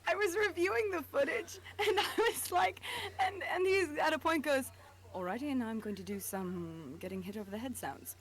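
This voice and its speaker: A woman co-hosts a casual livestream, chatting in a high-pitched, brisk voice. She jokes, giggles, and swears freely.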